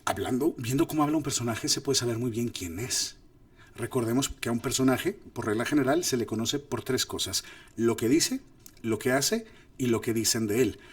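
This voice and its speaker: Guy teaching acting, chatty and animated, mic a bit far off, dry sound. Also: mid-range voice, normal speed, no echo. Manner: animated, demonstrates lines with exaggerated voices. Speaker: host and filmmaker teaching acting. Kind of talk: casual masterclass talk.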